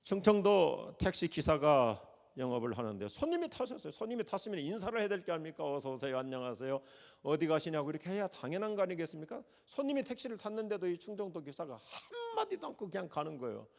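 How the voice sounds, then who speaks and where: A male pastor tells jokes in his sermon, his voice animated and gravelly. His slightly high voice rings through a church hall with long reverb. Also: fast talker, few pauses. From Chungcheong, Korea. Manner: storytelling with jokes, acts out characters. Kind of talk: humorous sermon. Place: church sanctuary.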